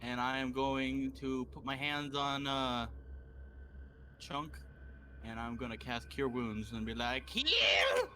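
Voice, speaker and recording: Male player, fast and excitable, faint noise under the voice. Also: mid-range voice. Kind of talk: tabletop game play.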